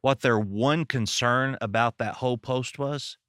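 A man's voice: medium pitch, unhurried, fairly bright tone, clear, resonant tone, dry recording, studio quality. A man with a Southern American accent from Arkansas, hosting a podcast and chatting in a folksy, storytelling way. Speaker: podcast host and pastor. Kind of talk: casual podcast interview.

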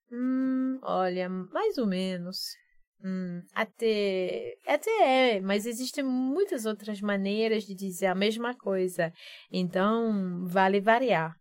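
A woman's voice: medium pitch, dry recording. A woman with a Brazilian Portuguese accent, co-hosting a casual educational podcast and explaining phrases with examples. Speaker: podcast co-host.

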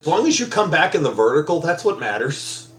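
A man's voice: a little high, big pitch swings, brisk, a bit bright. A man co-hosting a casual podcast, a public school teacher rambling with wry, profane banter. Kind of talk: casual chat. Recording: echoey room with faint hum.

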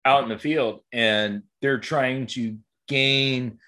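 A man's voice: mid-range voice, steady tone, slow, pushed and bright. A man with a Southern US accent co-hosting a podcast, chatting casually and laughing often. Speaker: podcast co-host. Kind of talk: casual chat.

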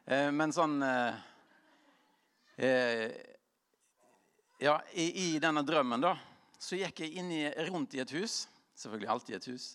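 A man's voice: fairly high pitch, fairly bright tone. A man speaking to a live audience in an informal sermon-style talk, rambling and self-deprecating, laughing often, with many fillers and restarts.

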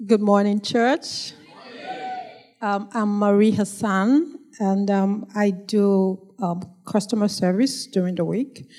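A woman gives a personal church testimony at a middle pitch. She speaks English carefully and deliberately, with a non-local accent, so that the congregation can follow her. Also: fairly even intonation, mellow. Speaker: church member giving a testimony.

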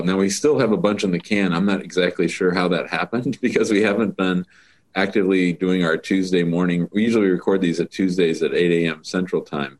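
A man co-hosting a podcast, welcoming a guest in an easygoing, friendly way. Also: sits low. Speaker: podcast co-host. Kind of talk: casual podcast interview.

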